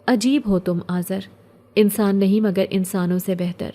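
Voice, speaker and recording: A woman voicing a lonely, poor young orphan girl who speaks softly and plaintively. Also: mid-range voice, steady tone, lightly acted. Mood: wistful. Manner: soft, wistful, plaintive.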